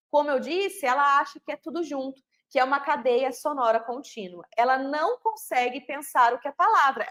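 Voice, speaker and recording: A woman's voice: sits high, a bit bright. A Brazilian Portuguese-speaking woman teaching literacy in an online lecture, explaining step by step and posing questions she then answers herself.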